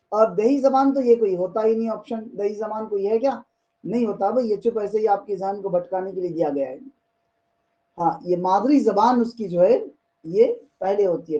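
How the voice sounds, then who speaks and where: Man teaching exam prep, mellow lo-fi. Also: sits high. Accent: Indian Urdu. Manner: repeats and rephrases, mixes English terms. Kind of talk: explaining exam questions. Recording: dull lo-fi recording.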